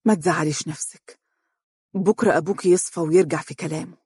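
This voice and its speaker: A woman reading a story, voicing a caring young man who speaks with an Egyptian accent in a quick, reassuring way. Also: fairly low pitch, fairly even intonation, a little mellow, slightly rough, dry recording.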